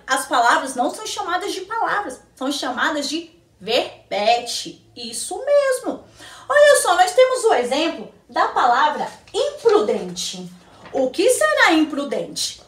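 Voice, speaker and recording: A woman teacher with a Brazilian Portuguese accent giving a recorded lesson to young children, slowly asking questions and answering them herself. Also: high voice, a bit bright, far from the mic. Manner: slow, sing-song teacher talk, answers her own questions. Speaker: primary school teacher. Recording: echoey room, slightly off-mic.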